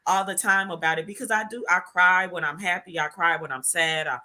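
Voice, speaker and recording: A woman's voice: on the low side, a little fast, sharp tone. A middle-aged woman hosting a heartfelt conversation, earnest and reflective, tearing up at times. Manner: earnest, reflective, laughs and tears up. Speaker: host and show creator.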